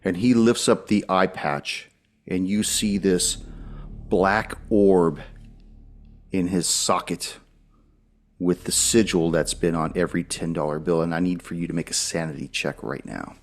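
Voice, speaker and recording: A man's voice: low-pitched, steady tone, measured pace. A man narrating a tabletop role-playing game as game master, guiding players through rules and scenes.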